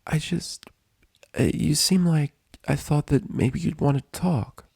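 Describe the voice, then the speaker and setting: A man voicing a kind, concerned female nurse pony in a storybook reading, calm, soft and hesitant. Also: on the high side, slow pace, gravelly, breathy edge, dry recording, clean studio sound, voice pushed up, heavily acted. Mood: tentative concern.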